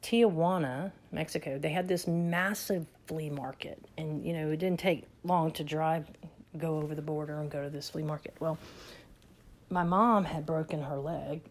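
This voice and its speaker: Her voice is deep with a darkish tone as this middle-aged woman, a vlogger, shares stories about her family and her life. The telling is casual, chatty and salty, punctuated by laughter.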